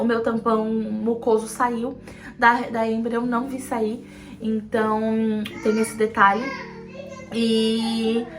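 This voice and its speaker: Young Brazilian woman, vlog storyteller; chatty, loops on "e aí", higher pitch, faint music bed. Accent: Brazilian Portuguese. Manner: chatty, repetitive "e aí" storytelling, acts out quoted lines. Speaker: vlogger telling her birth story. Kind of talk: casual storytelling to camera.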